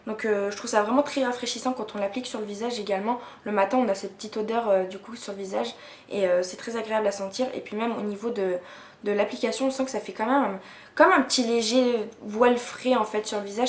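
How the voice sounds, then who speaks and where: A woman's voice: mid-range voice, steady tone, a little fast, reverberant. A woman in her twenties reviewing beauty products in a chatty vlog, with many fillers and restarts. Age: 20s. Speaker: beauty vlogger.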